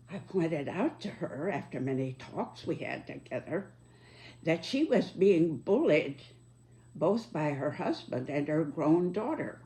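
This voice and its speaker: A very old American woman in her nineties speaks in a low register with a slow, careful pace. She pauses often as she reflects aloud, choosing her words deliberately in a measured, halting elderly delivery. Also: darkish tone. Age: 90s, very old. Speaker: speaker giving personal reflections. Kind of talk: reflective monologue.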